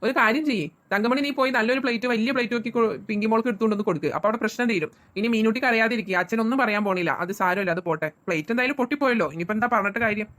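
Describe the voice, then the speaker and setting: A woman playing a calm, indulgent father who soothes his quarrelling children in a family comedy sketch. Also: on the high side, very fast, hardly any pauses, natural voice. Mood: soothing. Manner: soothing, placating.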